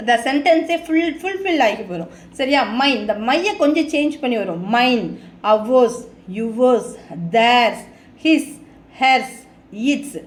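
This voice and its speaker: A Tamil-accented woman with a high voice teaches English grammar. She reads the examples out slowly, word by word, and then explains them quickly. The room around her is echoey. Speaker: English teacher for exam coaching. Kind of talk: bilingual grammar lesson.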